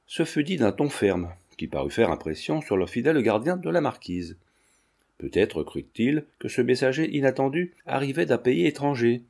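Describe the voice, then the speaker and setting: A man narrating a classic novel aloud, measured and expressive. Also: mid-range voice, creaky. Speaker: audiobook narrator. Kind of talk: scripted literary narration.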